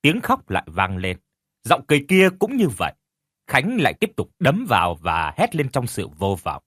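A man narrating a scripted horror story in a dramatic, expressive way. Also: mid-range voice, normal speed, slightly rough, no room sound, clean studio sound. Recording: faint background music.

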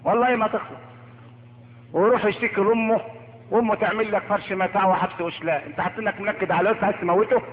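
A man's voice: high-pitched, steady tone, very fast, in a large hall. A man preaching a sermon with an Egyptian accent, mocking and theatrical, putting on voices for the people he describes. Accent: Egyptian Arabic. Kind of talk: Friday sermon. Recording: tinny old cassette recording.

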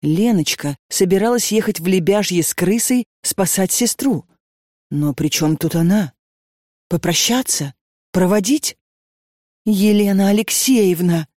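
A woman narrating an audiobook in a calm, measured reading voice. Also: fairly low pitch, no room sound, clean studio sound. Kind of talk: scripted narration.

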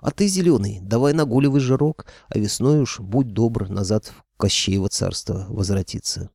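A stern old grandfather barks orders in a gravelly, raised voice, played by a man reading the story. The voice is dark-toned and dry, heard up close. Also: fairly low pitch, normal speed, no room sound. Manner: brusque, commanding.

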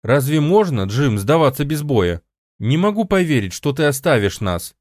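A man reading an audiobook voices an insistent woman colleague, raising his voice high and speaking urgently. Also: very animated, moderate pace, a little mellow, no echo, clean studio sound, natural voice. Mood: pleading. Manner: urgent, pleading. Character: earnest young woman colleague, pleading and insistent.

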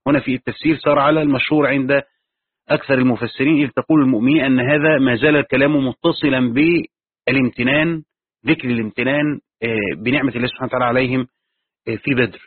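A man's voice: medium pitch, slightly rough, dry recording. A man teaching Quran commentary, reading from a tafsir text and adding his own explanations. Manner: reads the text aloud, then adds his own explanations. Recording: tinny phone-like lo-fi recording.

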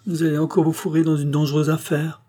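A man's voice: on the high side, level tone, quick pace, dark tone, breathy edge, pitched above the performer's own voice. A man voicing a tearful, anxious young woman in a storybook reading. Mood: worried. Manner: pleading, worried.

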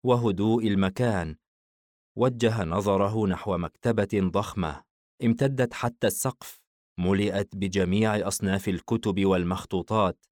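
Guy reading a novel out for an audiobook, lowish voice, steady, very dry sound. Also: no echo. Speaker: audiobook narrator. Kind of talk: scripted narration of a novel.

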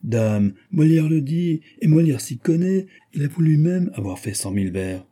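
A dreamy, absent-minded poet rambles on in an audiobook, read by a man. He chases rhymes eagerly and mocks his own foolishness. The tone is dark and a little husky. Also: a little high, expressive, moderate pace, pitched above the performer's own voice. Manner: rambling, eager, self-mocking. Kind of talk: audiobook character voice.

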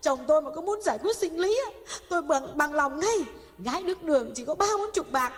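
A woman's voice: animated, normal speed, darkish tone, close to an everyday voice. A woman voicing a middle-aged doctor's wife who is jealous, harsh and accusing, in an audio story. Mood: furious. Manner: harsh, accusing, shrill outbursts. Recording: long hall reverb, faint music.

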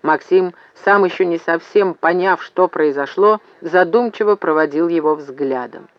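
A man reading an audiobook as narrator in a steady storytelling way. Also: fairly high pitch, measured pace, no room sound. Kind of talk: scripted narration. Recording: slightly muffled dry recording.

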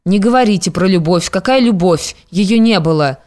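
A resolute young woman from an audiobook, cold and cutting, whose contempt flares into fury, voiced by the narrator. She sits at a mid pitch close to the reader's own voice. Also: animated, moderate pace, natural voice. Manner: cold and sharp, turning to fury. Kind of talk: audiobook character reading.

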